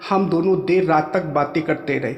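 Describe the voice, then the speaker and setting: A man telling a first-person story in plain, steady narration. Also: a little high, moderate pace. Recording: echoey room with long reverb.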